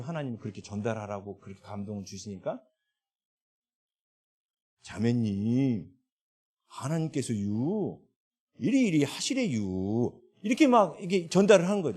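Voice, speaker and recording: Male pastor, sermon delivery, voice rises and falls a lot, fairly high for a man, peppers the talk with tag questions. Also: racing, breathy edge. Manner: lively rising and falling delivery.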